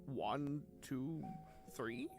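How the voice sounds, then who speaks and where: An actor playing a humble, self-doubting pony beast in a cartoon fantasy, hesitant and awkward. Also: male voice, medium pitch, drawn-out words, music in the background. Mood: reluctant.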